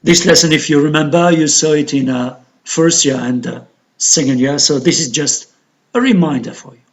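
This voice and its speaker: A man teaching an English lesson on word stress, slow and deliberate, stressing key words. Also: on the high side. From Algeria.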